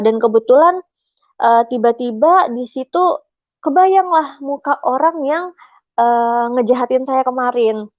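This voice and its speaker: A woman's voice: sits high, dry recording. A young woman giving a personal testimony as an interview guest, shy and recounting at length with frequent hesitations. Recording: dry, slightly dull sound.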